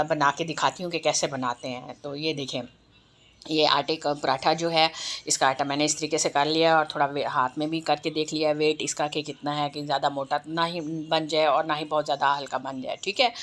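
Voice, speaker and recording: A woman's voice: low-pitched, a bit bright. A woman with a sore throat hosting a home cooking tutorial, explaining step by step and often checking in with the viewer. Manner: chatty step-by-step instruction with frequent "ठीक है" check-ins. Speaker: cooking channel host.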